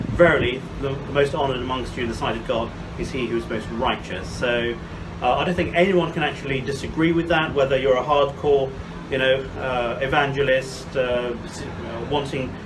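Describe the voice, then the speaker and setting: A man from Bangladesh giving a measured video monologue outdoors by the sea, pausing often with fillers. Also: medium pitch. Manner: measured, frequent filler pauses. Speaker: commentator. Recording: distant mic with clear background noise.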